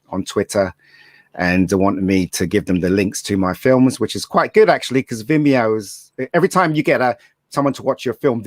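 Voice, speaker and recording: A man's voice: on the low side, dry recording. A man, a filmmaker guest on a podcast, chatting casually and bantering. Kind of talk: casual panel chat.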